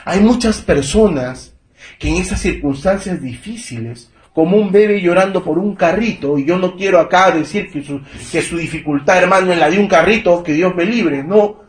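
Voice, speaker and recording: A man in his thirties delivers an emphatic sermon in a fairly high voice. He keeps calling his listeners brother and checking that they follow him. The sound is roomy and echoing, as in a church. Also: normal speed. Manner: emphatic preaching. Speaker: preacher. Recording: echoey room.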